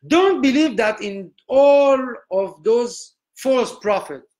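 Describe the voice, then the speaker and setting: A man doing a booming Nigerian prophet. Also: animated, drawn-out words, a little mellow, exaggerated voice. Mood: preaching. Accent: Nigerian English. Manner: broken English, declaiming sermon. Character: pompous preaching male prophet, booming and solemn. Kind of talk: comic sermon.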